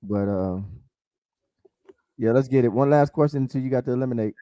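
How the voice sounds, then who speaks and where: A man's voice: mid-range voice, fairly quick, warm tone, no echo. A man hosting an online dating show in a casual, informal way, often repeating his phrases. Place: online video call.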